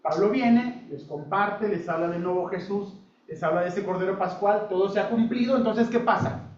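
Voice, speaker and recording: A man with a high voice leads a Bible class in a plain, folksy way, full of everyday examples and questions to the group. He sounds set back from the mic in an echoey room, and the sound is a little dull. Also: normal speed, darkish tone, recorded from a distance. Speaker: Bible study teacher. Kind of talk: conversational Bible teaching.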